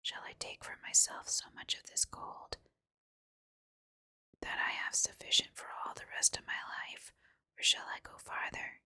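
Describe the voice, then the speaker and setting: A woman reading a fairy tale in a breathy ASMR whisper, as a measured, deliberate storybook narrator. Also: sharp tone. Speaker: host and reader of fairy tales.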